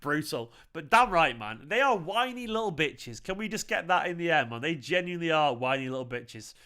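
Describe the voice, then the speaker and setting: A man with a Manchester accent, hosting a live football fan reaction stream, chatting excitedly and swearing while reading viewer comments. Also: on the high side, a little fast. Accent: Mancunian. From Manchester, England. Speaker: football fan channel host.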